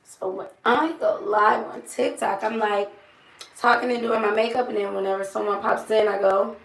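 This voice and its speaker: A woman's voice: mid-range voice, fairly even intonation, moderate pace, vocal fry. A young adult woman with a strained, throaty voice, chatting casually and ramblingly as she does her makeup in a small room. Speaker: makeup vlogger. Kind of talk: casual chatty get-ready-with-me. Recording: roomy echo, light background noise.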